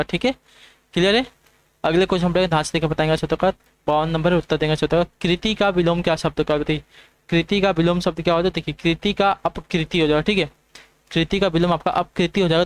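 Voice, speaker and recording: A young man with a slightly high, clear and resonant voice teaches an online exam prep class, stepping through quiz questions. He checks in with students quickly and repetitively.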